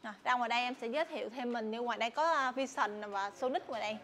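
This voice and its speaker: A young woman with a southern Vietnamese accent giving a casual, chatty sales walkthrough, often pausing and repeating words. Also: fairly high pitch, fairly bright tone. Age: young adult. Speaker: motorbike shop saleswoman presenting stock. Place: large tin-walled motorbike warehouse. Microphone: clip-on lapel mic.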